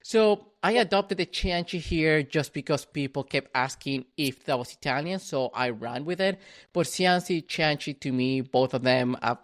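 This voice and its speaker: A man's voice: on the high side, moderate pace. Man telling his story. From Venezuela. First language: Spanish. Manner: frequent restarts and repeated words. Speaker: podcast guest. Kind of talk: casual reflective storytelling.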